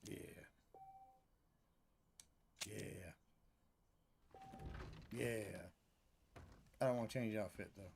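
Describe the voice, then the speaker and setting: A man's voice: on the low side, fairly even intonation, takes it slowly, gravelly, darkish tone, slight background noise. Joking, swearing man commenting on a game. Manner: joking, swearing, muttering to himself. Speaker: gamer commenting on his playthrough. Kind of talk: casual gameplay commentary.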